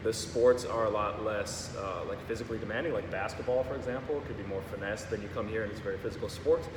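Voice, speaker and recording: Talking fast in a fairly low voice, a young strength coach jokes his way through a casual interview, explaining things in long, loose runs. He sounds relaxed. The background is noisy, and the room is echoey with the mic far away.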